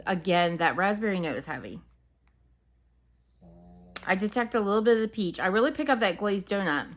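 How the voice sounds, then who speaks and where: A woman's voice: medium pitch, a bit bright. A woman casually reviewing wax melts, chatting and musing aloud as she describes each scent. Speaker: home fragrance reviewer. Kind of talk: casual unscripted product review.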